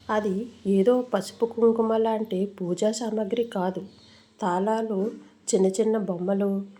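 A woman narrating a suspense story in a steady, suspenseful way. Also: mid-range voice.

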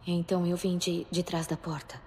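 Woman as a low-pitched young outcast huntress. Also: flat delivery, normal speed, dark tone, a little hiss or hum, close to an everyday voice. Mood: puzzled. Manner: questioning, intense. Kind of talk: video game dub.

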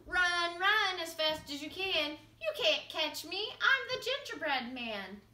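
A cocky little gingerbread man, as a woman puts him on, yells his taunts high and loud in a bouncy sing-song. His bright, sharp voice rings around a roomy space, heard from a little way off. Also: big pitch swings, takes it slowly, heavily acted. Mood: taunting. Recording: roomy echo from a distance.

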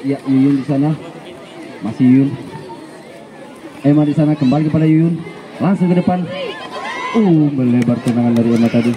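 A man gives live futsal commentary in an excitable way, shouting drawn-out names and goal calls. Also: mid-range voice. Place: outdoor village futsal court. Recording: noisy outdoor court, crowd behind. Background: spectator crowd noise.

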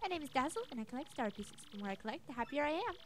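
A woman puts on an excitable little trader from a video game. The voice is high and keen to bargain, over faint game music. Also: rapid-fire. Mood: eager, excited. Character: eager, excitable star-piece collector, a video game trader. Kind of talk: reading game dialogue aloud in character.

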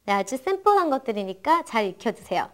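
A young woman teaching math phrases, saying each practice sentence slowly and carefully, and asking and answering her own questions in an encouraging way. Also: fairly high pitch, big pitch swings, a bit bright. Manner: slow, careful English model sentences between quick explanations. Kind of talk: bilingual language lesson.

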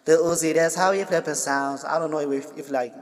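A young man talks through a music production tutorial in a loose, rambling way, full of fillers and slang. His voice sits a bit high for a man. It sounds recorded at home on a phone. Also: steady tone, brisk. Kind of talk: casual screen-recorded tutorial.

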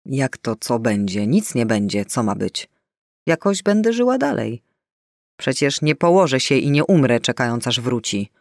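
A man's voice: mid-range voice, big pitch swings, a little slow, creaky, no room sound. A man voicing a distraught, bitter middle-aged mother in an audiobook, shaken and flaring into anger, recorded dry and close. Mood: angry, defiant.

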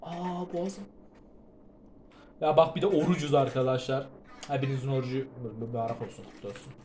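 A man giving gameplay commentary, excitable and prone to panicked shouting, tired from fasting, with a sore throat. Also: medium pitch, slight background noise. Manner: excitable, shouts and yelps in panic, then drops to muttering. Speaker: gaming video creator.

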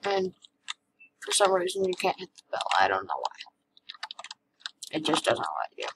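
A woman's voice: extremely low pitch, wildly swooping pitch, moderate pace. A young girl hosting her own gaming channel, thinking aloud as she plays at a home computer. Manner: chatty, thinking aloud while playing. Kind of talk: casual gameplay commentary. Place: indoors at a computer. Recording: noisy home recording with keyboard clicks.

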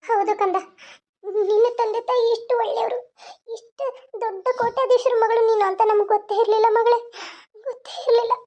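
Brief: a woman playing a protective mother; high, soothing, muffled recording. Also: fairly even intonation, a little fast, warm tone. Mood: tender. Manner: soothing, pleading. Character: middle-aged mother, tender and protective. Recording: dull lo-fi recording.

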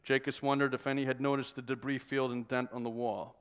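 A man, the author, reading a passage from his novel aloud at a measured pace. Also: medium pitch, flat delivery, clear, resonant tone.

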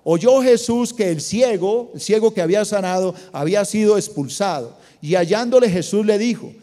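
Colombian pastor preaching in an echoing hall. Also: male voice, sits high, lively intonation, normal speed, dark tone. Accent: Colombian Spanish. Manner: preaching with rhetorical questions to the congregation. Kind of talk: sermon. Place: large church auditorium. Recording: long hall reverb.

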